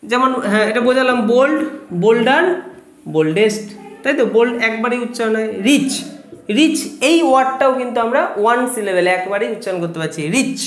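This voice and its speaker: A man teaching grammar to students, explaining rules patiently step by step and slowing down to repeat example words. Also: sits high, a bit bright. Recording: echoey room.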